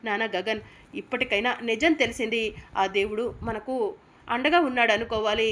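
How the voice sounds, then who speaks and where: A woman's voice: a little high, normal speed, a bit bright, lightly acted. A woman reading the lines of a caring mother who coaxes and comforts her son in a serial recap. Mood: tender. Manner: tender, coaxing.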